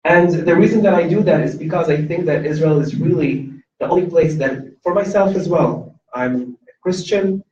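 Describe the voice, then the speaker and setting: The speaker, a Lebanese man with Arabic as his first language, offers an earnest, impassioned personal testimony at a university event hall, faltering with restarts and fillers. He's an invited campus guest with a fairly high, darkish voice, captured echoey, dull and distant.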